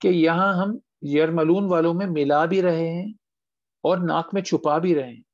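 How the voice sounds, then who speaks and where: High-voiced man teaching over a call. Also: fairly even intonation, dry recording. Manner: patient, asks students questions, drawn-out model words. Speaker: Quran recitation teacher. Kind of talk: online tajweed class. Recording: dull lo-fi online call audio.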